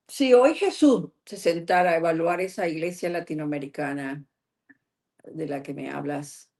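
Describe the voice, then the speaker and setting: A woman from Venezuela, hosting a podcast interview, affirming her guest and asking pointed follow-up questions. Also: low voice. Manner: warm, affirming, asks pointed follow-ups. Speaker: podcast host.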